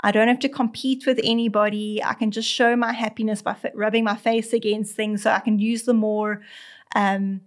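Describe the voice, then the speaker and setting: Her voice is mid-pitched and flat, moving at a normal speed. She's a South African-accented veterinarian guesting on a podcast, explaining cat behaviour in a chatty, expert way, often speaking as the cat herself and starting sentences over.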